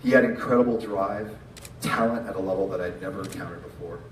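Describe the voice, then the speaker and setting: Low-voiced man giving a faltering, tender eulogy. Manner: faltering, tender, with halting pauses and repeats. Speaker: eulogist, friend of the deceased. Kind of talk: informal funeral eulogy. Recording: echoey, distant microphone, noisy room.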